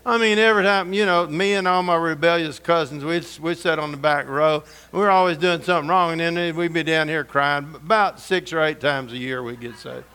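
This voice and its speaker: Preacher guy, kinda high voice, folksy funny stories then quiet serious bits. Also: fairly quick, hardly any pauses, clean tone. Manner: folksy, humorous, drops to soft intense tone for scripture. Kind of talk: storytelling sermon.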